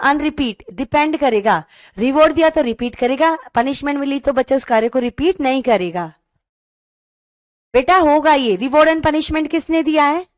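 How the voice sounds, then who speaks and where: A woman teacher giving an online class, explaining slowly and reading questions out word by word. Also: sits high, no room sound, studio quality. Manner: calls students "beta", mixes English into talk.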